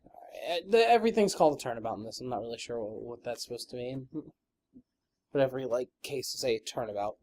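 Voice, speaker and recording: A man's voice: medium pitch, expressive, quick pace, a little mellow. A man hosting a let's play video, chatting casually and laughing often. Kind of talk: casual gaming chat.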